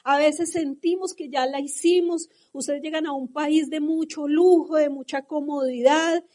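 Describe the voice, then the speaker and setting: A woman with a Colombian accent giving a passionate, animated motivational talk to a live audience at a business seminar. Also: high-pitched, a little slow.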